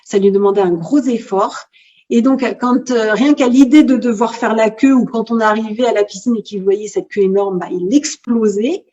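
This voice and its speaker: A woman in her forties tells a story in an interview, bringing its dialogue to life with animated delivery. Her voice sits somewhat high. The sound is a little dull, like a streamed recording. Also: moderate pace. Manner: animated storytelling, acting out dialogue, laughing at moments. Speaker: author guest. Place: bookshop. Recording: lo-fi livestream audio.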